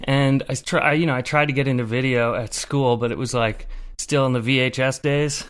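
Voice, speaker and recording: A man's voice: mid-range voice, fairly even intonation, moderate pace, a bit bright, a little hiss or hum. Laid-back man, easy laughter. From Canada. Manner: laid-back storyteller, laughs often, rambling. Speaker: guest artist. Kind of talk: casual interview chat.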